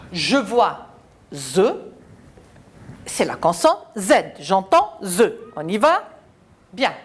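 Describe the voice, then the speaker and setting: A woman teacher giving a slow, deliberate phonics lesson to children, spelling out letters and syllables. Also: lowish voice, husky.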